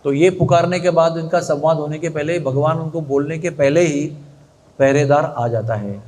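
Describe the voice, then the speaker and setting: Male religious storyteller, fairly high voice, animated with conversational asides. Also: normal speed. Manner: animated, chatty asides to listeners. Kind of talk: devotional story sermon.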